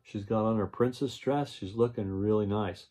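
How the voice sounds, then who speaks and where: Grandpa voice, older man, low register, children's read-aloud, explanatory asides. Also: fairly even intonation, normal speed, warm tone. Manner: grandpa voice, explains and repeats story points. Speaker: grandfather reading a picture book aloud.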